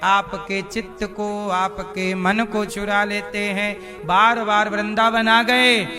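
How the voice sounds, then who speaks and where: A man's voice: high-pitched, level tone, takes it slowly. A man preaching a devotional sermon, often questioning the audience and chanting verses. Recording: live hall with music behind.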